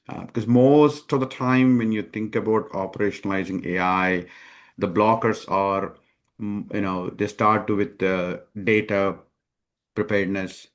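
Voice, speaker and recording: A man being interviewed as a company founder, speaking in a measured way with many hesitations. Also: sits low. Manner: measured, many ums and uhs. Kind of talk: conversational interview.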